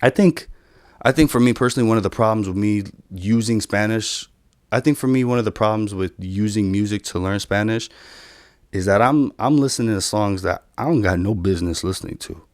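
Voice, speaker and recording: A man's voice: on the low side, brisk, no echo, studio quality. A young man telling a comic story in a rant to camera, acting out the voices of the people in it. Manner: animated storytelling, acts out quoted voices. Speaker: comedian. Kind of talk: stand-up style rant to camera.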